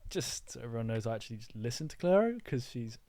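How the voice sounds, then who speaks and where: A man co-hosting a podcast, telling a story in relaxed casual chat with dry humor. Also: mid-range voice, fast talker, dry recording. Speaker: podcast co-host.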